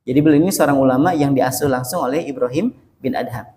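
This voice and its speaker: A man's voice: medium pitch, quick pace, warm tone. A male Islamic preacher giving a humorous sermon, telling stories and often turning to address his listeners directly. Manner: joking, storytelling, often addresses listeners as "Pak".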